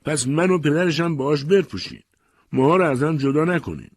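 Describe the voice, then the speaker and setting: A man's voice: a little high, expressive, slightly rough, dry recording, pitched above the performer's own voice. A man voicing a desperate adult woman, an enslaved mother pleading in a raised voice, in an audiobook reading.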